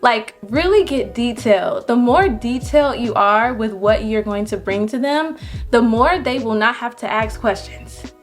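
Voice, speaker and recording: A young adult woman photographer giving casual, encouraging business advice to viewers, with lively jumps in pitch when she stresses a point. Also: a little slow, faint music behind. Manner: chatty and encouraging, animated pitch jumps on emphasis.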